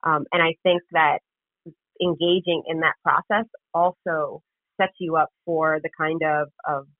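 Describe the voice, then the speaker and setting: A woman gives earnest, deliberate interview answers in a conversational storytelling way, building her points in lists. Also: low voice, steady tone, no room sound. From Queens, New York City. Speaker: interview guest, political candidate and public defender. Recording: thin phone-line sound.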